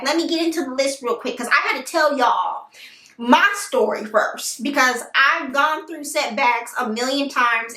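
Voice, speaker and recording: A woman's voice: sits high, far from the mic. Chatty woman vlogger in an echoey room. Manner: chatty, animated, addresses viewers directly. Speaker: hair care vlogger. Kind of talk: casual storytelling to camera. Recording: roomy echo, voice set back from the mic.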